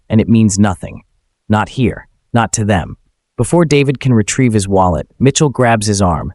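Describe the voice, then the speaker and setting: A man giving scripted, suspenseful dramatic narration in a measured way. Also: on the low side, a little mellow, no room sound, clean studio sound.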